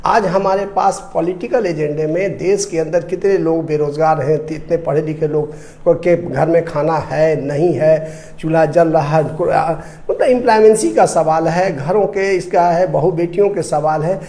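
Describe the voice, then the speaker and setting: This debate commentator, an Indian man with a Bihar-region accent, argues politics with passion, repeating himself emphatically and posing rhetorical questions. His voice is slightly high, mellow and a little slow.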